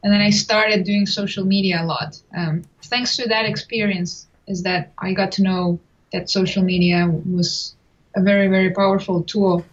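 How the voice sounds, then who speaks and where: A woman's voice: mid-range voice, steady tone, normal speed, muffled recording. Chatty woman. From Chile. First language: Spanish. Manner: chatty, with frequent restarts and small laughs. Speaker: guest. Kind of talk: casual interview.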